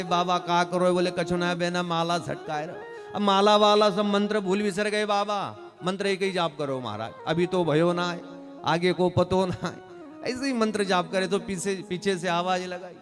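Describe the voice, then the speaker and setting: A man from Maharashtra, a Marathi native speaker, telling a devotional story as a sermon and acting out village characters in dialect voices. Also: sits high. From Maharashtra, India. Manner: urges the audience to call out loudly. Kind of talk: Bhagavat katha sermon storytelling.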